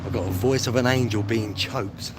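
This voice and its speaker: An English travel vlogger walks outdoors through the streets on a livestream, chatting casually in a rambling, matey, self-deprecating way. His medium-pitched voice is fairly even in intonation at normal speed, recorded clearly with street noise and traffic around him.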